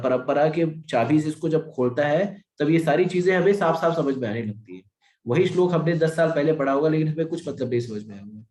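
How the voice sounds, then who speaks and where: A man with a mid-pitched voice gives a devotional scripture class. He asks questions and answers them himself. The room around him sounds echoey. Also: mellow. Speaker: Gita teacher.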